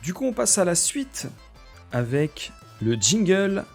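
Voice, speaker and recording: A man with a slightly raised voice hosts a casual video-call chat, easygoing and joking as he runs the game. Soft music plays faintly in the background. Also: sits high, slow, vocal fry. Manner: relaxed, joking, guiding the game. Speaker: host.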